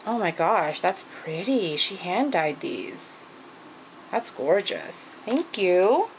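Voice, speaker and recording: A woman's voice: fairly low pitch, sing-song, takes it slowly, a little hiss or hum, low-quality recording. A woman craft vlogger showing off gifts in a casual show-and-tell, gushing and thanking people over and over. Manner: gushing, repeats thanks and praise.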